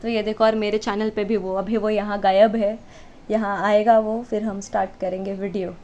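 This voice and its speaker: A woman's voice: medium pitch, flat delivery, normal speed, mellow. A young woman chatting casually to camera at home as a vlogger, setting up her gear as she talks. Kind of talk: casual vlog chat. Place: at home indoors.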